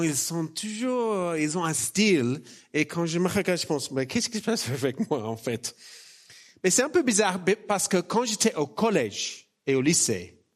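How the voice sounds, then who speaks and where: A man with an Australian accent in French, a native English speaker, preaching in an informal, self-deprecating and halting conversational way. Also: fairly high pitch. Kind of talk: sermon, conversational and personal.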